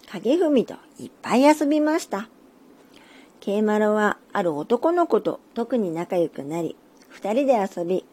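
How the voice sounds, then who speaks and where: A woman reading a children's fairy tale aloud in a gentle, soothing bedtime manner. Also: mid-range voice. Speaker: storyteller.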